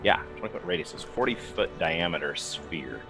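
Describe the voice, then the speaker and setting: A man playing a tabletop game, talking casually and haltingly as he works out his move. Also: sits low, expressive, vocal fry, music in the background. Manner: halting, working things out as he speaks. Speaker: player in a tabletop RPG. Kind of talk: casual table talk, thinking aloud.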